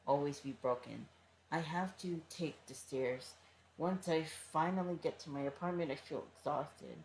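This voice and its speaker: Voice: mid-range voice, a little mellow. A fan reading a first-person fanfiction aloud in a casual style, often tripping over words and breaking off for offhand asides. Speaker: fanfiction reader. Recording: roomy with faint background noise.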